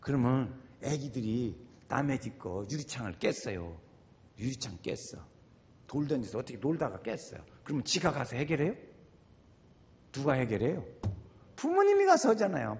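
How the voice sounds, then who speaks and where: A man preaching a sermon as pastor, leading the congregation in shouted prayers and talking in an animated, energetic way. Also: mid-range voice, a little hiss or hum. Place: church sanctuary. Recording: long hall reverb.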